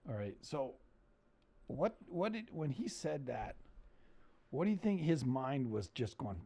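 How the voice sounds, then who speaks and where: A man's voice: medium pitch, big pitch swings, a little slow, vocal fry, warm tone, breathy edge. A man hosting a casual screen-share chat, talking in a rambling, hesitant way with many fillers. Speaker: host.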